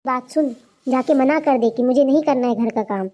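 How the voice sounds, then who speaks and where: A woman voicing a supportive young female friend on the phone in a cartoon, giving brisk, indignant advice. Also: sits high, warm tone, lightly acted. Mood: advising. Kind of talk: cartoon voice acting.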